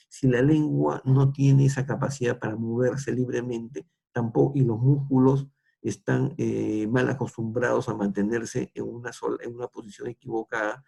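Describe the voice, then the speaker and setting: A man's voice: medium pitch, creaky, dark tone, husky. A middle-aged man with a Peruvian accent, lecturing students and tagging nearly every phrase with a question, with frequent restarts. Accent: Peruvian Spanish. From Peru.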